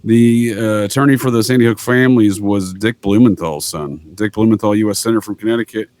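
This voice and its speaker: A man with a lowish, darkish voice speaks fairly quickly as a podcast guest, telling stories casually in a rambling, mock-formal style. He addresses the listener as "sir" throughout this conversational storytelling.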